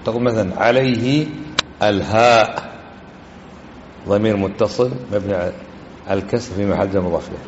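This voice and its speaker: A man with a lowish voice teaches a religious class on hadith and grammar, moving briskly yet leaving long pauses. He repeatedly quizzes his students, and the recording has the echo of a hall, a dull lo-fi quality, and faint hiss.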